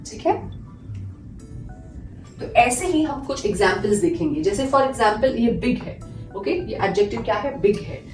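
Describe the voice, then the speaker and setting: A woman's voice: fairly high pitch, animated, measured pace, long pauses. A woman teaching a grammar lesson, patiently asking and answering her own questions and repeating examples. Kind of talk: classroom-style grammar lesson. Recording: echoey room, mic at a distance, faint music.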